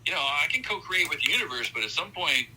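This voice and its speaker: A man rambles through a casual interview, his talk loose and wandering, full of "you know" and "like". His voice is very bright and a little husky, and it swings lively in pitch. It comes through a thin phone line. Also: quick pace. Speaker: musician guest.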